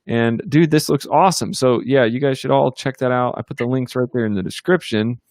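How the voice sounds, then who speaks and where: A man's voice: medium pitch, fairly quick, darkish tone, dry recording, clean studio sound. Rambling man on a casual livestream. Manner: rambling, upbeat, lots of fillers and restarts. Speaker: co-host of a ministry livestream. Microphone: computer or webcam mic in a home studio.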